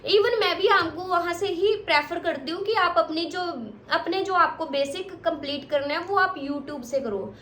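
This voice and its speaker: A woman's voice: very high voice, moderate pace, few pauses, a bit bright, a little hiss or hum. A woman coaching exam students, talking directly and scolding them while repeating her points. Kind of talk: motivational study advice to students. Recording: echoey room with faint ambience.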